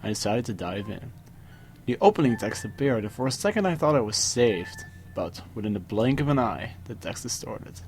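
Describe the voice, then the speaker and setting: A man reading a scripted first-person horror story, dramatically, with pauses for suspense. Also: fairly low pitch, sing-song, darkish tone, a little hiss or hum. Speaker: creepypasta narrator. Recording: music behind the voice. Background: music.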